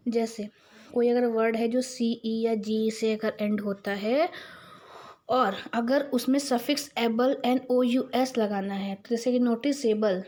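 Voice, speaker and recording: A woman teacher with an Indian accent explains English spelling rules in a grammar lesson. She reads each rule slowly in English, then explains it in Hindi, often checking in with "theek hai" and calling her students "beta". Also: a little high, darkish tone.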